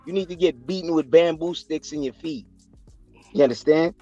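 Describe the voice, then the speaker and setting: A man of medium pitch scolds an opponent in a heated panel debate. His delivery is confrontational and rhetorical, on dry, slightly dull audio with faint music. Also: normal speed, warm tone, no echo.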